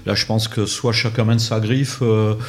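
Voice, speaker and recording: Rambling low-voiced male interviewer. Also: steady tone, normal speed. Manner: rambling, many hesitations. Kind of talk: casual interview.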